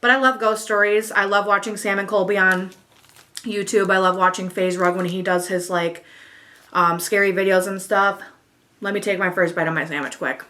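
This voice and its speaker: Woman vlogger, bright clear tone, chatty and unhurried, filler-heavy home chat. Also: mid-range voice, fairly even intonation. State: out of breath. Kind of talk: casual eat-with-me chat. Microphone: camera mic.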